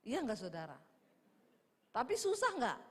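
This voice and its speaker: A woman's voice: fairly high pitch, unhurried. Woman pastor preaching in a church hall. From Indonesia. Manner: lively anecdotes, acts out voices in dialogue, addresses the congregation. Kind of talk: sermon storytelling. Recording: church hall with long reverb.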